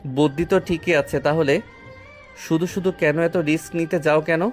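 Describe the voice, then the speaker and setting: A man's voice: a little high, steady tone, moderate pace, faint music behind, lightly acted. A man playing a cool cheeky young hero. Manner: cool, teasing, unfazed. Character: calm, cheeky young male hero Akash.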